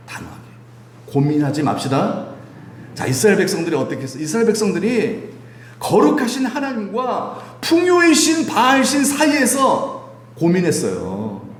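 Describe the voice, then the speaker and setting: A man's voice: on the high side, slight background noise. A man preaching a Sunday sermon as pastor, asking the congregation questions and chuckling often. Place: church sanctuary. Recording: echoey church sanctuary.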